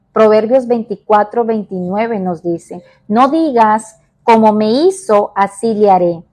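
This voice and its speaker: A woman evangelist giving a devotional sermon, emphatic and repetitive, moving between soft and raised delivery. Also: medium pitch.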